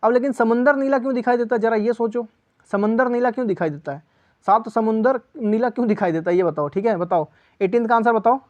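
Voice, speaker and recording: A man's voice: very high-pitched, fast, a little mellow, lo-fi sound. Chatty teacher quizzing his viewers. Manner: chatty, asks viewers to answer and comment; repeats key answers as question and reply. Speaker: exam-prep teacher. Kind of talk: casual quiz lesson.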